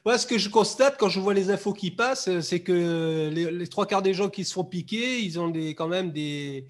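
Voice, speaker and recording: A man with a notably high voice hosts a relaxed chat over a video call. He talks hesitantly, trails off mid-phrase and drops into soft asides. The sound has the thin quality of a call. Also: moderate pace.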